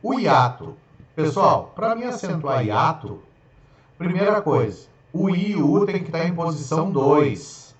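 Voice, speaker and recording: A man's voice: a little high, sing-song. A male Portuguese teacher giving a grammar lesson, explaining rules step by step and often checking in with "ok?" and "tá?". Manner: spells out examples slowly, syllable by syllable. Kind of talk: grammar lesson for exam students. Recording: very echoey room, dull lo-fi sound.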